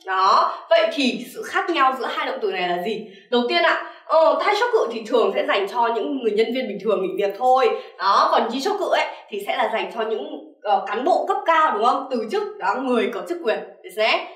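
Lively woman teacher, echoey and off-mic. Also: a little high, brisk, few pauses, far from the mic. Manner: keeps asking "right?" as a checking tag; refers to herself as sensei. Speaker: Japanese teacher. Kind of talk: vocabulary lesson.

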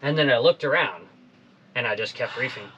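A man in his forties hosting a casual interview in a small boat cabin, talking in a relaxed, laid-back way. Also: mid-range voice, a little fast, breathy edge, lo-fi sound. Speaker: podcast host.

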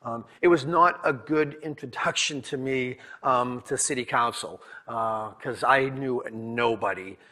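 This medium-pitched man sounds pushed and bright, speaking a little slowly with hardly any pauses. He's a Boston-accented New Englander presenting at a conference in a conference room, candidly telling stories and often repeating and restarting words.

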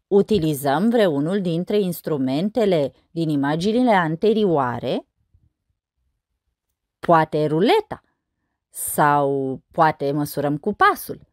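A woman teaching a school lesson in scripted narration, reading verse out slowly and counting the syllables. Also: sits low, very animated, no room sound, clean studio sound.

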